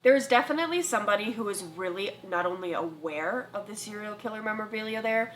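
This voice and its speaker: A woman gives explanatory commentary to viewers. Her voice is of medium pitch, with faint background noise. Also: animated, quick pace. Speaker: paranormal investigator narrating.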